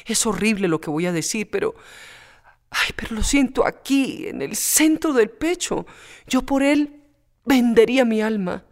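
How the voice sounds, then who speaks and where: A man's voice: extremely high pitch, expressive, unhurried, voice pushed up, full character voice. A man reading a storybook aloud and voicing a young widow torn by love, pleading and impassioned.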